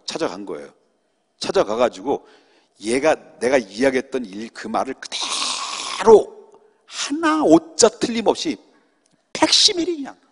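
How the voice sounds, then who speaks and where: A middle-aged man preaches in a church sanctuary, his voice gravelly and a touch husky. He swings his pitch widely as he tells his story and acts out the people in it. A long reverb trails each phrase. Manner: animated storytelling, acts out quoted speech. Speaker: senior pastor. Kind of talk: sermon at a Friday prayer meeting.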